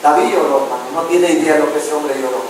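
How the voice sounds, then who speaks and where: A man's voice: a little high, quick pace, darkish tone, distant mic, slight background noise. Passionate male preacher in an echoey hall. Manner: impassioned preaching, acts out quoted voices. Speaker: pastor. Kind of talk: sermon.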